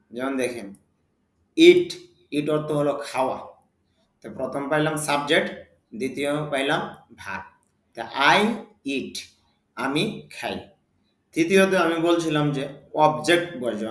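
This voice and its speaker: A man giving a spoken English lesson, reading example sentences slowly and asking and answering his own questions. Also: mid-range voice, fairly bright tone, echoey room. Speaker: English teacher.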